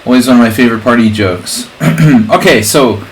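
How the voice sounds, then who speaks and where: A chess streamer hosts a livestream in casual, rambling chat, his medium-pitched voice at normal speed as he drifts off on jokey tangents. Background noise is clearly audible in the recording.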